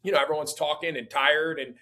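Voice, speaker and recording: A man's voice: on the high side, a little fast. A man in his forties, a former player guest, talking casually with lots of fillers and restarts. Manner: relaxed, full of fillers and restarts. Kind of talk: casual conversation.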